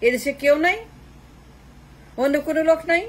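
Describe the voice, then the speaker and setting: Emphatic high-voiced woman. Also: moderate pace, poor audio. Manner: emphatic, repetitive, mixes Bengali and English. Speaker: political commentator. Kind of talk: political monologue.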